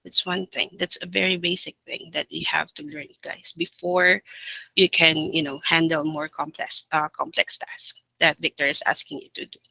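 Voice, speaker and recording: Female trainer, Filipino accent, very sharp bright tone, dry close sound, direct and insistent, informal instructional delivery. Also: low-pitched, little pitch movement, moderate pace, vocal fry, no echo, rough recording. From Philippines. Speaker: trainer of call center staff. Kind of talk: informal staff training talk.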